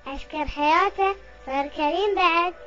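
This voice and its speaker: A performer with a Bahraini Gulf Arabic accent voicing a small, excitable, chattering Smurf in a comic cartoon dub. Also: very high-pitched, moderate pace. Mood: eager. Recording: dull lo-fi sound, music behind.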